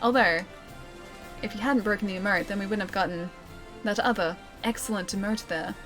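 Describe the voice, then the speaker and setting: A woman livestreams a game and chats casually with viewers, articulating a little carefully because of retainer trays in her mouth. Her voice is medium-pitched and a bit bright, her pace a little fast. Background music plays behind her voice.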